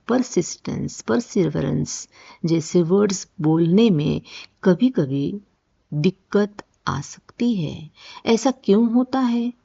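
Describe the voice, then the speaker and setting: Woman English teacher, slow patient drills, gravelly dark voice. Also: lowish voice. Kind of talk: spoken English lesson with drills. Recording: dull lo-fi audio.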